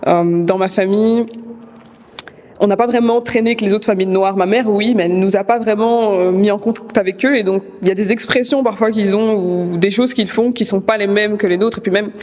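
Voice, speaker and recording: A young woman talking thoughtfully about herself in an interview, laughing softly now and then. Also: medium pitch, fairly even intonation, brisk, big-room sound. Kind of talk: reflective casual talk.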